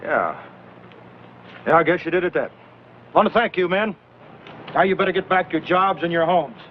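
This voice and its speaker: A man's voice: sits high, lively intonation, normal speed, slight background noise. An American actor playing an authoritative frontier lawman giving clipped orders in an old western film. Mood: steady, resolute. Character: commanding frontier lawman leading a posse. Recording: dull old film soundtrack with music.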